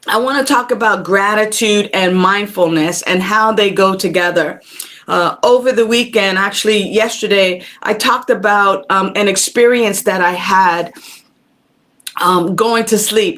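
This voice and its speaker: Woman minister chatting to viewers. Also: medium pitch. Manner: warm conversational preaching, greets viewers by name; repeats phrases for emphasis. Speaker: minister and show host. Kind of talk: live-streamed spiritual talk. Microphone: camera.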